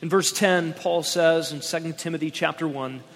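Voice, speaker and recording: A man preaching a sermon as pastor at a pulpit microphone, emphatic and slowing down on key words. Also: a little high, steady tone. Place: church sanctuary, speaking at a pulpit microphone. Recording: long church-hall reverb.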